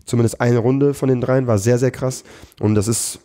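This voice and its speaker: A man's voice: mid-range voice, fairly even intonation, normal speed, warm tone. A man being interviewed as a comedian and battle rapper, talking casually in a slangy way full of fillers and restarts.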